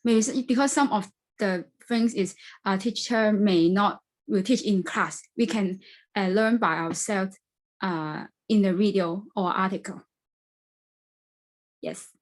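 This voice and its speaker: A woman from Hong Kong with a Hong Kong English accent, answering panel questions in halting, simple English on a video call. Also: mid-range voice. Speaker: student panelist.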